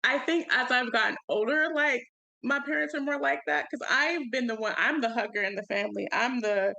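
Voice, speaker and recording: A young woman in casual podcast chat, candid and slangy, with frequent laughs. Her voice is bright and ringing and sits a little high. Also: a little fast, vocal fry, low-quality recording. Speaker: podcast co-host.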